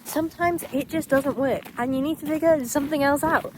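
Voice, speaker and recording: Chatty young woman, high voice. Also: steady tone, brisk, background noise. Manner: chatty, upbeat, rambling with fillers. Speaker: vlogger. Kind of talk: casual vlog narration. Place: horse stables, indoors and out.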